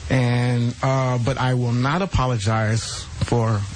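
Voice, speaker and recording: A man's voice: medium pitch, level tone, slow pace, a little hiss or hum, rough recording. A man in his fifties answering radio interview questions hesitantly and apologetically, often repeating words. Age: 50s. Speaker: interview guest.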